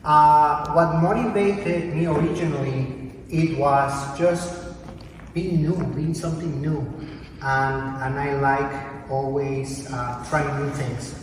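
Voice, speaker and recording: A middle-aged man from Mexico, a professor and program director, answering interview questions in a measured, reflective way, often searching for words. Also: on the high side, fairly even intonation. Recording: echoey hall, distant mic, background noise.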